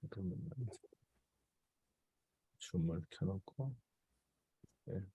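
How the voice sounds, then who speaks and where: Man teaching a church seminar, mellow voice. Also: deep voice, animated, slow, breathy edge. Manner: conversational, often checks with the audience.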